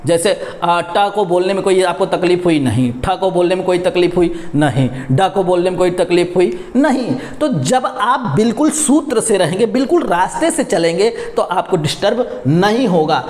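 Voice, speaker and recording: A man's voice: high-pitched, animated, normal speed, hardly any pauses, a little mellow, roomy sound. A male teacher giving a patient pronunciation lesson, repeating syllables and asking questions to his young viewers. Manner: addresses viewers as "my dear children".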